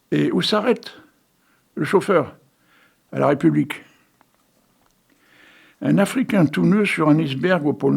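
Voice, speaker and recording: Folksy French-accented male radio host, gravelly and husky, reads poems and puns between chatty asides. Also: fairly high pitch. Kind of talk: casual local radio reading.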